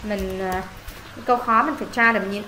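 Speaking fast in a steady, mid-range voice that is bright and forceful, a woman quizzes a boy on his English homework one-on-one and scolds or teases him over wrong answers. Soft music plays in the echoey room, which has faint ambience.

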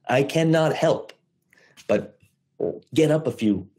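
A man in his thirties giving a motivational talk to investors, animated, swearing casually, speeding up and slowing down for emphasis. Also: fairly high pitch. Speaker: host of investor mindset call.

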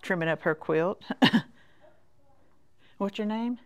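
Recorded as she moves around a quilt shop indoors, a woman with a medium-pitched voice speaks slowly in a chatty, rambling tour. Her short folksy remarks trail off, and the high frequencies in the recording are cut off.

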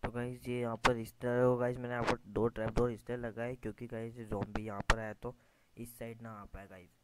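A man's voice: medium pitch, a little fast. A man giving casual commentary over his gameplay, chatty, calling out to his viewers often and muttering at his own mistakes. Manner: chatty, says "guys" constantly, mutters at mistakes. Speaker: gaming YouTuber. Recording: screen recording with steady noise.

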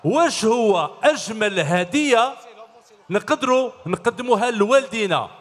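Speaking in a very high, expressive voice at a moderate pace, this middle-aged host has a fairly bright tone and an Algerian Arabic accent. He cheerfully quizzes kids at a children's stage show in a large concert hall. The handheld mic captures a long reverb from the hall.

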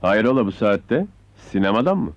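A man's voice: fairly low pitch, very animated, normal speed, no echo. An actor playing a sly neighborhood man who needles a young couple in an old film. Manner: sardonic, needling. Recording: dry, dull film soundtrack.

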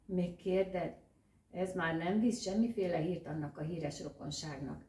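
A woman reading out a smug, greedy male owl who gloats over his catch, voiced a little higher than her reading tone. The room around her is roomy and echoey, and she sits some way from the mic. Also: steady tone, dark tone, natural voice. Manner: smug, self-satisfied. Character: boastful hungry male owl. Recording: roomy echo, distant mic.

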